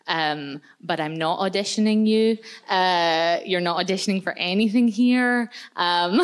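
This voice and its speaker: A Scottish woman in her thirties presenting a workshop, chatting casually with lots of fillers into a handheld mic in a large community hall. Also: lowish voice. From Scotland. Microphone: handheld microphone.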